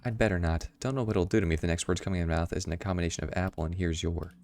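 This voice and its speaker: A man streaming a video game, reading clues aloud and making wry, deadpan quips. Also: low voice, racing, a little hiss or hum. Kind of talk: casual gameplay commentary.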